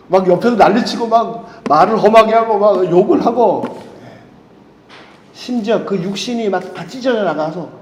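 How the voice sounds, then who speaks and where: High-voiced pastor guy preaching, lots of questions, big echoey church hall. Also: unhurried. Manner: animated, asks the congregation many questions. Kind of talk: sermon.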